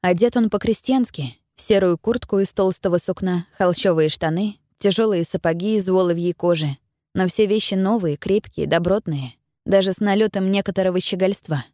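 A woman reading an audiobook as narrator, in a measured, even storytelling manner. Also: medium pitch, no echo, clean studio sound. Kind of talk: scripted narration.

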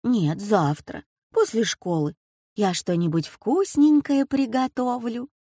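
A woman voicing an elderly grandmother, slow-spoken and sighing, in a storybook reading. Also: on the high side, mellow, no room sound, studio quality. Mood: fussing. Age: over 60. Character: grandmother, gentle old teacher, fussing.

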